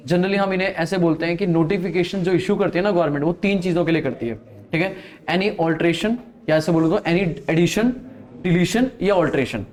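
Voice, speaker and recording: A man's voice: high-pitched, moderate pace, a little mellow. A man teaching a classroom of students, quizzing them and checking "okay?" after each point. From Delhi, India. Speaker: accounting teacher. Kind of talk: classroom lecture.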